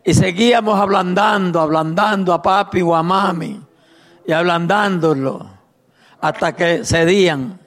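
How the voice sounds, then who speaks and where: A man's voice: high-pitched, unhurried, fairly bright tone. A middle-aged man preaching a fervent sermon as pastor, reading scripture aloud and calling out praise to his congregation. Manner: reads scripture aloud and addresses the congregation directly.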